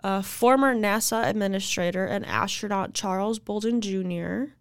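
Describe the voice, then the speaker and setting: A woman's voice: medium pitch, moderate pace, smooth, no echo, studio quality. A young woman co-hosting an aviation podcast, chatting and reading out news items. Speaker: podcast co-host. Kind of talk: casual podcast chat.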